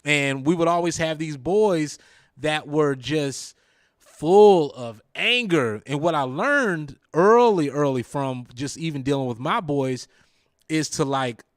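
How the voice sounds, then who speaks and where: Man, talk show host, southern american accent, animated storytelling, dry close sound. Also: on the high side, slow pace, no echo. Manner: animated storyteller, acts out quoted lines. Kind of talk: casual talk show chat.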